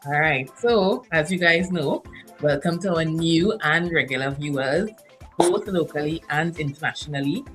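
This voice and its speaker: A woman co-hosting a casual relationship talk show, chatty and quick to laugh, using Caribbean-style phrasing. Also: low voice, fairly bright tone, faint music behind. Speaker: co-host.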